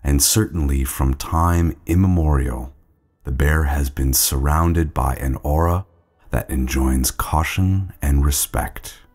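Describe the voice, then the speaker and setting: A man's voice: rumbling low, slow, darkish tone, slightly rough. A man narrating a nature documentary from a script.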